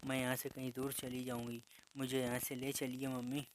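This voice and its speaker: A furious young woman, spurned and vengeful, hurling insults and threats, as a male storyteller puts her on. The voice stays fairly level in pitch and barely rises even at her angriest. A faint hiss of noise lies beneath it. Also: natural voice. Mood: tearful accusing. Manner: screaming insults and threats, then sobbing accusations.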